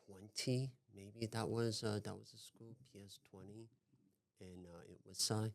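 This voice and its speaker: A man in his forties with a notably low voice, from Taiwan, talking as a guest on a podcast. He speaks haltingly, restarting and repeating phrases as he searches for the details. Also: fairly even intonation, gravelly. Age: 40s. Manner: hesitant, halting, repeats himself. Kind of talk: podcast interview.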